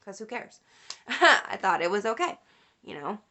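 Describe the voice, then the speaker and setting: A young woman vlogger telling a story in a casual, animated way, swearing and laughing as she rants. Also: mid-range voice, unhurried.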